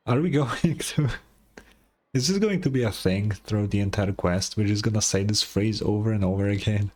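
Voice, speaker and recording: Faint game music plays behind a male gaming streamer as he offers relaxed, hesitant commentary on his video game playthrough. His voice is on the low side and darkish, at a moderate pace.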